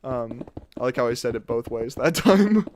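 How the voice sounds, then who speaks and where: A man's voice: medium pitch, expressive, normal speed, a little mellow, slight background noise. A young man streaming a game, chatting casually, reading chat aloud and laughing often. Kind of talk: casual live-stream chat while gaming.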